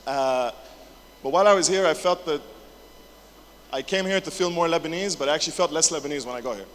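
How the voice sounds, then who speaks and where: Talking fast in a slightly high, somewhat bright voice, this English conference speaker in his twenties keeps things jokey and loose, with fillers, restarts and curses. The large indoor hall adds echo and faint noise.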